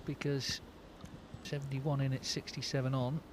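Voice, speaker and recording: A man giving live snooker commentary in a measured, conversational way. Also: medium pitch, little pitch movement, background noise.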